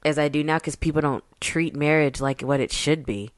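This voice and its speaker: A woman's voice: low voice, steady tone, moderate pace, no echo. Chatty woman, dry close mic. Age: 30s. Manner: laughs often, loose and chatty. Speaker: podcast co-host. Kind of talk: casual chat.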